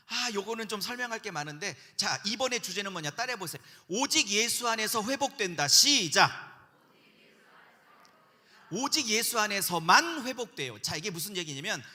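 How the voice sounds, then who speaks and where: Brief: male pastor, bright piercing tone, lively call-and-response preaching, big church hall reverb. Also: high voice. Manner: animated, call-and-response with the congregation. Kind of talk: sermon lecture at a pastors' seminar. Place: large church sanctuary. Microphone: handheld microphone.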